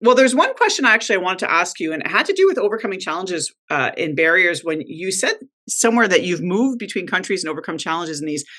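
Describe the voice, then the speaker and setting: Encouraging woman coach, bright voice. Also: on the low side, fast talker, hardly any pauses. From North America. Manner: encouraging, animated, advisory. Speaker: guest, leadership coach. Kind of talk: conversational interview.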